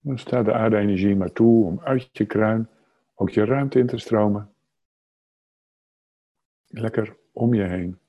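A man leading a guided meditation, speaking calmly and unhurriedly in short phrases with long pauses and a husky, soft-edged voice. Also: on the low side, highs cut off. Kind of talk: slow guided meditation narration.

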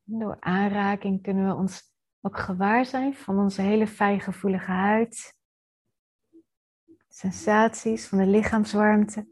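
A woman leading a guided body-scan meditation as a teacher, gently and soothingly with pauses, in a slightly husky, breathy voice. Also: mid-range voice, steady tone.

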